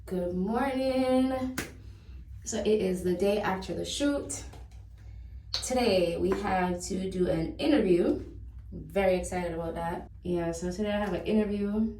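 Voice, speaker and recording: A woman's voice: mid-range voice, measured pace, mellow, a little hiss or hum. A young woman from Jamaica, chatting casually as a singer and interview guest, full of fillers. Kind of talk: casual chat and vlog. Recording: echoey room, far mic, music behind.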